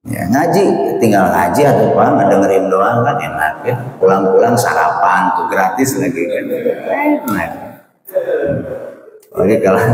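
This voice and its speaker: A man preaching as a religious teacher to a men's study group, joking and asking them questions. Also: sits low. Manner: lively, joking, asks the crowd questions. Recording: echoey hall, distant mic, faint noise.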